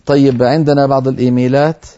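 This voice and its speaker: Firm male recitation teacher, dark voice. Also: medium pitch, level tone, muffled recording. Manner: firm, corrective, recites verses slowly to demonstrate. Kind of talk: TV lesson answering viewer questions.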